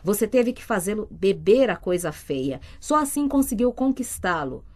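A woman voicing a defiant young boy who speaks high and insistent, rising to shouts, in a read-aloud audiobook. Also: lively intonation, normal speed, natural voice. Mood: pleading, accusing.

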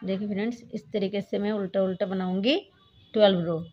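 A woman hosting a step-by-step knitting tutorial, calmly explaining each stitch and often addressing her viewers as friends. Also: medium pitch, a little fast, dull audio, soft background music. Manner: patient, repeats "look, friends" while demonstrating. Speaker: craft tutorial host.

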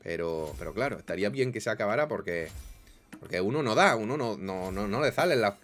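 Young guy from doing game commentary, lowish voice, fake-despairing then yelling happy. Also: a little fast. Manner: dramatic, swings between mock despair and loud excitement. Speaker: gaming YouTuber. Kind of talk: casual gameplay commentary.

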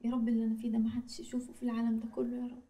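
A woman's voice: a little high, monotone, rapid-fire, lightly acted. A woman playing a sick, reassuring young woman. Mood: weary. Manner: soft, reassuring, weary. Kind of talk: TV drama acting.

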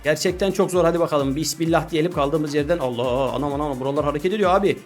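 A man gives excited gameplay commentary at a quick clip. His voice sits fairly high, he exclaims and laughs often, and music plays faintly behind him. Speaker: gaming YouTuber.

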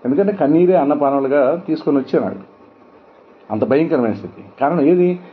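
A man's voice: a little high, lively intonation, a little fast. Middle-aged man preaching emphatically, lo-fi. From India. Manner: emphatic preaching, rhetorical questions, acts out quoted voices. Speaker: pastor. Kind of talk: sermon. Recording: dull lo-fi sound with faint noise.

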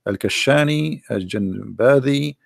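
A man from the Middle East, hoarse and losing his voice, insistently pressing rhetorical questions as host of an online debate. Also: mid-range voice, a little slow, a crowd in the background.

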